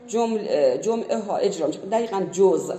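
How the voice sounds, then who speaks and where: Woman teacher explaining things earnestly, lots of examples, mellow voice, echoey room. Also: mid-range voice, expressive. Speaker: language teacher. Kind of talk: explanatory conversation. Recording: roomy echo.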